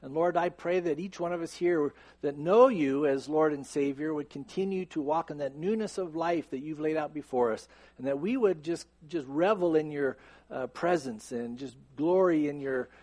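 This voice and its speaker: A man's voice: a little high, normal speed, a little mellow. A man in his fifties, a pastor, leading a church service with joking asides and an earnest prayer, in a church sanctuary. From United States. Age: 50s. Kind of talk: sermon and prayer.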